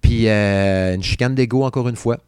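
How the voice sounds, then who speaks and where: In a dry, clean studio recording, a man from Saguenay, Quebec, in his thirties talks in a fairly low, clear and resonant voice at normal speed. With his Québécois French accent, he co-hosts a laid-back chat podcast, animatedly joking about old songs and humming snippets.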